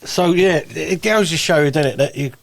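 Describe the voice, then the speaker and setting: A gravelly, somewhat high-pitched man with a southeast English accent hosts an interview at a moderate pace. He talks earnestly and emphatically in a supportive way, calling his guest "bruv".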